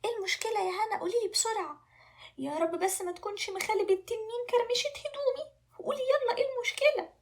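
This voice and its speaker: A woman's voice: sing-song, quick pace. A woman with an Egyptian Arabic accent voicing a vain, fussy young prince in a children's story. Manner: shrill and fussy, squeals in disgust.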